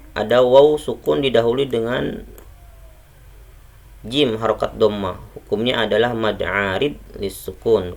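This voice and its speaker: A man explains Quran recitation rules step by step in a slow, patient way. His voice sits low and has a gravelly edge. He takes his time and repeats the correct reading. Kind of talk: tajwid lesson with recited examples.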